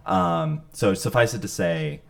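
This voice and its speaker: Young man with a gravelly voice. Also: lowish voice, sing-song, unhurried. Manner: rambling, hesitant with many fillers. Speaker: podcast co-host. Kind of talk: casual chat.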